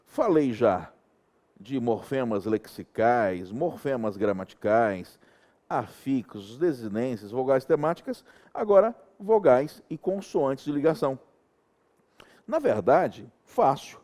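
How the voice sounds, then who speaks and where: A man's voice: medium pitch, slow pace. A middle-aged Brazilian man teaching a Portuguese grammar lesson, checking in with the students again and again. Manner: animated, checks in with students often.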